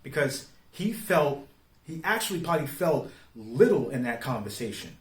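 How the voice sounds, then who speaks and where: In an echoing, roomy recording, a male online commentator shares informal views using street slang. His mid-range voice has a sing-song lilt, and he talks emphatically and deliberately, frequently posing rhetorical questions to whoever's listening.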